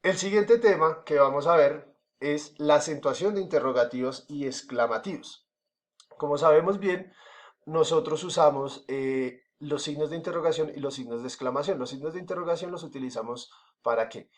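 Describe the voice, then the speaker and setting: Colombian male teacher, unhurried explaining. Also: fairly high pitch. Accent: Colombian Spanish. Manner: explains slowly with many fillers and "¿listo?" checks. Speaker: school teacher. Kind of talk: recorded class lesson.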